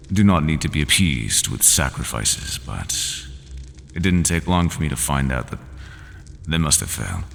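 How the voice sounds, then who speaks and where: A man voicing the Minotaur, a lonely, brooding bull-headed prisoner, in an ASMR roleplay, telling his story slowly and bitterly. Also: extremely low pitch, gravelly, a bit bright, heavily acted. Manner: slow, solemn and bitter storytelling. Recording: long reverb with faint ambient noise.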